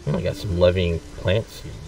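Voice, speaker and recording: A man giving relaxed, rambling commentary while streaming a game, chuckling often as he talks to viewers. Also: low voice, normal speed. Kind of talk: casual gameplay commentary. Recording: somewhat distant mic with faint game music. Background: faint game music.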